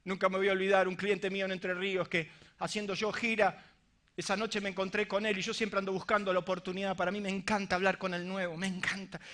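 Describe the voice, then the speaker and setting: A middle-aged man with a Rioplatense Spanish accent preaching a sermon to a congregation, swinging from shouts to hushed lines. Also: high-pitched, flat delivery, fast talker.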